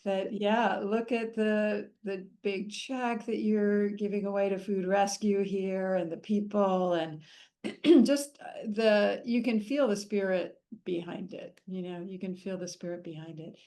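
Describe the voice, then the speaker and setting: A woman's voice: mid-range voice, steady tone, measured pace, dark tone. A woman hosting a casual interview over a video call, affirming and encouraging her guest as she asks questions. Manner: encouraging, affirming listener who laughs along. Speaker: interview host.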